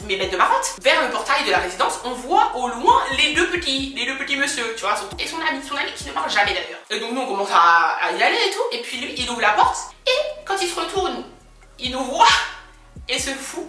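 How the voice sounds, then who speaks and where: A woman vlogger tells a story at home, dramatic and animated, laughing as she goes. She speaks fast in a bright, high voice with swooping pitch. The sound is roomy and distant, with faint music underneath. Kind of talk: storytime vlog. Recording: echoey room from far off, faint music.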